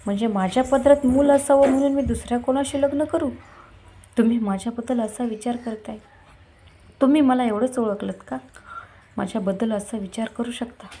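A woman's voice: on the high side, fairly even intonation, moderate pace, mellow, slight background noise, natural voice. A woman voicing a devoted, strong-willed wife who talks with emotion and insistence. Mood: shocked.

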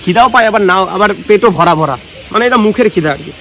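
Young man, quick talker, slightly high voice, chatty vlogger, handheld phone outdoors. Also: animated, a bit bright, slight background noise. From West Bengal, India. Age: young adult. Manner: chatty, addresses viewers as brother, playful. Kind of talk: casual vlog narration. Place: outdoor park by a lake, street.

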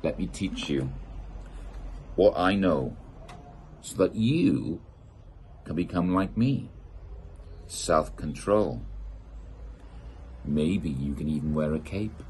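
In a garden gazebo outdoors, a middle-aged UK man performs a children's picture book in a lively, expressive storytelling way, filmed from desk distance. His pitch is extremely low, his pace slow with long pauses, and a little background noise is audible.

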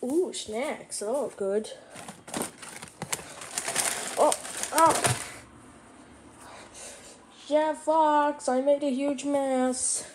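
A woman's voice: high voice, drawn-out words, long pauses, noisy background. A woman voicing Junior, a hungry, whiny young boy in a plush toy comedy skit. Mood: fretful. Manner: whiny, pleading.

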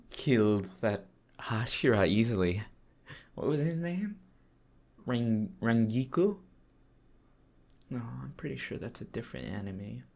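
A man's voice: medium pitch, darkish tone. A man voicing a sly, cheerfully cruel male demon lord in a whispered role-play, talking in a sing-song, mocking way that keeps drifting into whispers. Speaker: voice actor.

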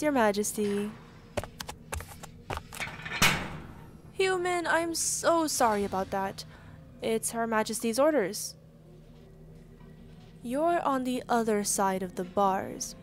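A woman acts out an eager-to-please female rabbit servant in a fairytale audio drama. Her voice is fairly high, polite and formal, with an apologetic, deferential way of talking. There is faint ambient noise behind it. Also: animated, a little slow. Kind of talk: audio roleplay drama acting.

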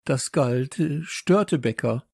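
A man's voice: medium pitch, slow, creaky, a little mellow, breathy edge, no echo, clean studio sound, exaggerated voice. A man reading a children's audiobook, voicing a flustered, stammering man hiding in the school. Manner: stammering, talks with full mouth.

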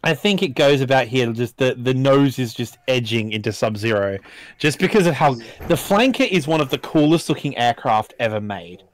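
A man chatting excitedly with friends on a casual live stream about aircraft, now and then putting on mock voices for jokes. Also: mid-range voice, moderate pace. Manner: enthusiastic, puts on mock Soviet voices for jokes. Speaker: history YouTuber on a group live stream. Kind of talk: casual banter.

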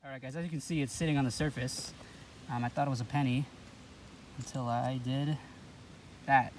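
Brisk and medium-pitched with fairly even intonation, a man hosts a metal detecting video, filming handheld on a phone mostly outdoors in grass and along a river. He gives informal commentary, addressing his viewers as guys, with clear outdoor ambience in the background.

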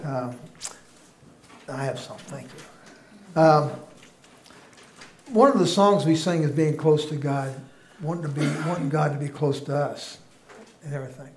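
A male pastor preaches informally in a church sanctuary, relaxed and joking with the congregation. He speaks unhurriedly in a slightly high voice with long pauses, recorded in an echoey room with slight hiss or hum.

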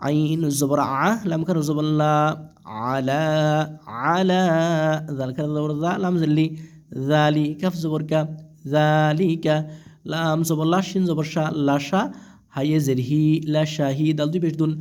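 Mellow-voiced man spelling out letters. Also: on the high side, steady tone. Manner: patient, letter-by-letter spelling with drawn-out recitation; asks rhetorical questions, checks with "okay?". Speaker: Quran reading teacher. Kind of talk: spelling-out Quran lesson.

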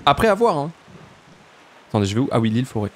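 A man with a southern French accent, chatting casually and jokily while playing a game, often jumping up in pitch for emphasis. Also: very animated, fast, a little mellow, slight background noise. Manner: chatty, jokey, jumps to high pitch for emphasis. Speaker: let's play streamer. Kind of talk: casual gameplay commentary.

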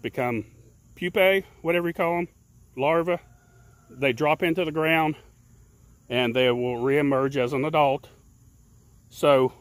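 Out in a grassy yard next to his beehives, a man who runs a beekeeping channel chats casually while tending the hives. He rambles and repeats words in plain, folksy speech. His mid-range voice is recorded without echo on a handheld camera that he holds.

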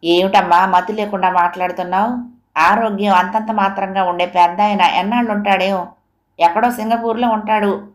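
Woman reading as a short-tempered greedy son who raises his voice, storybook reading, mid pitch. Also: fairly even intonation, moderate pace, close to an everyday voice. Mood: irritated. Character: impatient greedy adult son, quick to anger.

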